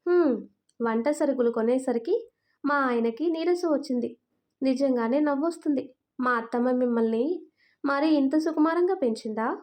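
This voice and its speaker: A cheerful, teasing young wife in an audio storybook, voiced by a woman. She speaks politely but playfully, in a high, lively voice. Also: normal speed, pauses often, close to an everyday voice. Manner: bright, playful, polite address.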